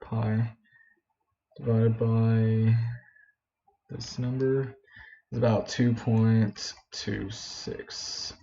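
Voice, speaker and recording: A young man explains a physics problem at a whiteboard in loose, casual speech, full of fillers and quick corrections. His voice is mellow and a little dark. The recording is dull and lo-fi, like a simple home setup. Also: fairly low pitch, level tone, vocal fry. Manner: informal, many fillers and self-corrections. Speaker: physics tutor.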